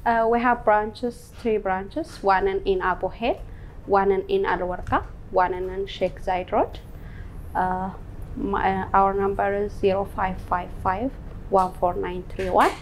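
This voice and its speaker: A woman in her thirties from Ethiopia, a salon owner answering interview questions in simple English with many pauses and fillers. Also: mid-range voice, little pitch movement, a little hiss or hum. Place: indoor room. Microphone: lapel mic.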